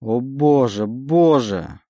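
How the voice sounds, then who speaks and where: A man's voice: mid-range voice, expressive, a little fast, darkish tone, no room sound, voice pushed up, close to an everyday voice. A man voicing a withdrawn young orphan in an audiobook, his voice strained and raised. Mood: despairing. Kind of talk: audiobook reading.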